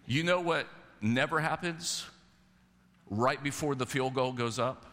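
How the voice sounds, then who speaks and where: Bright-voiced male pastor in a reverberant hall. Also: mid-range voice. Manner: animated storytelling with quoted voices, slowing for scripture reading. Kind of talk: sermon.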